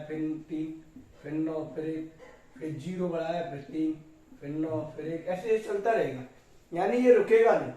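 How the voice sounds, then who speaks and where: A man's voice: high voice, a little mellow. A male math teacher who explains step by step and keeps addressing his students fondly. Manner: explains step by step, often calls students "beta". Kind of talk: classroom math lesson. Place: classroom with a board. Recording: very echoey room, voice from a distance.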